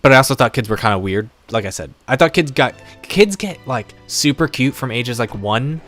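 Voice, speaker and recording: A young adult man chatting casually and rambling on a live stream, talking warmly to his viewers. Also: mid-range voice, expressive, normal speed, faint music behind.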